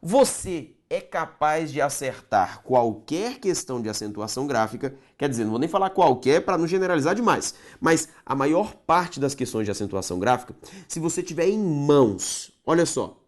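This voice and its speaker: A man with a Brazilian Portuguese accent teaching an online grammar lesson, talking straight to viewers, checking they follow and slowly stretching key words for emphasis. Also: a little high, big pitch swings. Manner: addresses viewers directly, checks understanding often.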